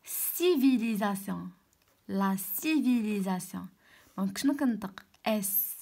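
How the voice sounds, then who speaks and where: A woman with a Moroccan Arabic accent teaches French spelling in an online lesson. She speaks at a middling pitch and says each example word slowly, sometimes twice. Then she calmly explains how it is pronounced. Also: gravelly.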